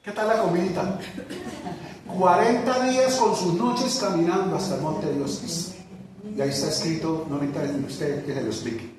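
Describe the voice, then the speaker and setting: A pastor preaching a sermon, repeating words, asking rhetorical questions and rising to loud peaks. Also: male voice, high-pitched, moderate pace, background noise. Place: church hall. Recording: echoey hall from far off.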